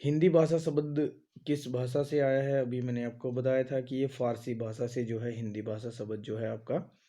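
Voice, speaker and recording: A man runs an exam-prep lesson, posing each question and then repeating the answer to drill it in. His voice is very dark and mellow, at an ordinary male pitch. He leans on the same filler phrases again and again. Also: fairly even intonation, moderate pace. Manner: says "आपका" and "जो है" a lot. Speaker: teacher.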